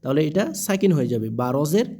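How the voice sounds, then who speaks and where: A man with a somewhat high but dark, mellow voice teaches Quran reading. He spells out each letter and vowel mark slowly, then asks and answers his own questions. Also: expressive.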